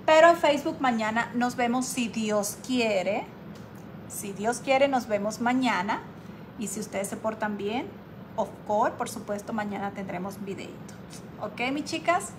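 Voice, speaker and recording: A woman hosting a casual live craft tutorial, chatting warmly with her viewers and reading their comments aloud. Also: fairly high pitch, a little hiss or hum. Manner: chatty, affectionate, calls viewers "my girls", reads comments aloud. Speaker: craft livestream host.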